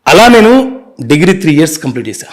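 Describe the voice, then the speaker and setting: A man, an advocate telling his life story in an interview, earnest and brisk, mixing in English words. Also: fairly high pitch, very animated.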